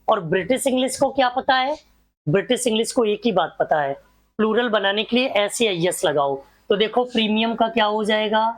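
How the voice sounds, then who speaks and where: A woman teaching a grammar class, drilling examples one by one and asking rhetorical questions that she answers herself. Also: on the high side.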